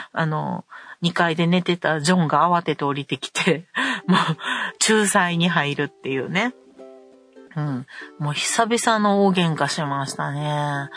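A middle-aged woman with a Kansai accent, hosting a podcast and telling a story in a casual, animated way. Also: fairly low pitch. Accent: Kansai Japanese. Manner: animated storytelling, acting out quarrels. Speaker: podcast host.

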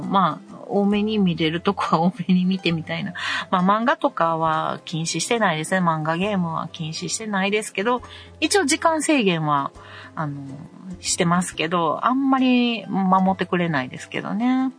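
A woman in her forties with a soft Nara Kansai accent hosts a casual chat show. She talks at an easy pace, with plenty of fillers and pauses as she reads out messages from listeners. Faint music sits behind her voice. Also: fairly low pitch. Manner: relaxed, many fillers and pauses. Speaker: podcast host.

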